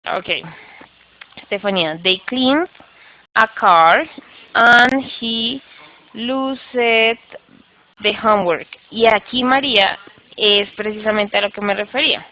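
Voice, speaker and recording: A woman's voice: fairly high pitch, slow pace, pauses often, lo-fi sound. A woman with a Colombian accent teaching English grammar online, explaining step by step and checking in often with her students. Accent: Colombian Spanish.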